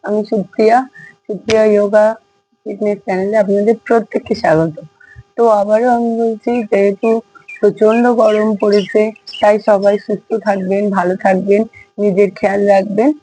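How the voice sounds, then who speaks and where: A hoarse woman teaching yoga, who counts the repetitions aloud while she demonstrates. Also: mid-range voice, level tone, normal speed, warm tone, soft background music, poor audio. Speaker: yoga instructor. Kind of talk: casual yoga class instruction.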